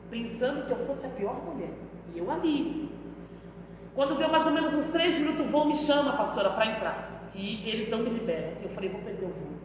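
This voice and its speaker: A woman's voice: high voice, slight background noise. A woman missionary with a Brazilian accent giving an emphatic testimony in a church, often turning to address the pastor. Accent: Brazilian Portuguese. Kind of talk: testimony preaching. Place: church hall. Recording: echoey church hall, dull sound.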